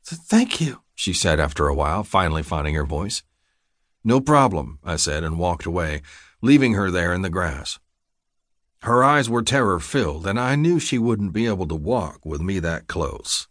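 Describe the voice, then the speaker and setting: Audiobook reader, male, lowish voice, dry close mic, steady gritty first-person storytelling. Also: normal speed, dry recording. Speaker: audiobook narrator. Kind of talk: scripted first-person narration.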